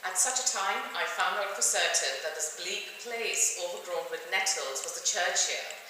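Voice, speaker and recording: A woman with a bright, somewhat low voice reads a classic novel aloud in measured phrases. The hall around her rings with long echo over faint noise. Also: animated. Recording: echoey hall.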